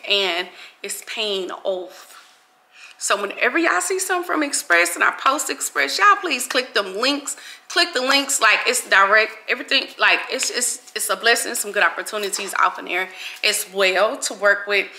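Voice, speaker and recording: A woman's voice: medium pitch, normal speed, pushed and bright. A woman, chatting casually to camera as a vlogger and breaking into bursts of praise. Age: 40s.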